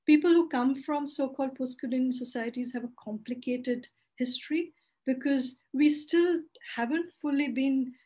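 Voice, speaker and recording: A woman panelist gives a thoughtful, earnest answer in a fairly high voice. She speaks at length, with occasional fillers. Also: moderate pace, mellow. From India. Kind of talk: panel discussion.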